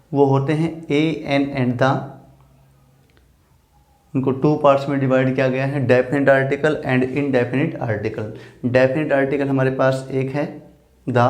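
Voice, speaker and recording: A man's voice: mid-range voice, a little mellow. A male English teacher giving a classroom grammar lesson, spelling out words letter by letter and often checking in with "theek hai". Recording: echoey room.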